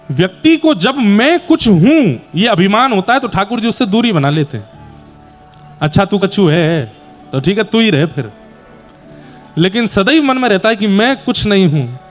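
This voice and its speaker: A man giving a devotional scripture discourse, animatedly telling stories and acting out the dialogue. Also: sits high. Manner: animated storytelling with quoted dialogue. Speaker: kathavachak (scripture storyteller).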